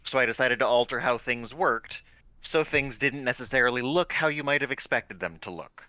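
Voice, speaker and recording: A man and game master who teaches high school, chatting casually about his tabletop game and often repeating words as he explains. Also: expressive, normal speed, bright, forceful tone, dry recording, dull audio.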